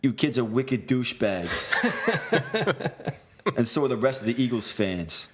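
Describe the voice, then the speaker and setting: A man's voice: medium pitch, normal speed, natural voice. A man reading out hate mail as a trash-talking Boston sports fan, in a clumsy attempt at a Boston accent. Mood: taunting. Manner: mocking, stumbling read-aloud.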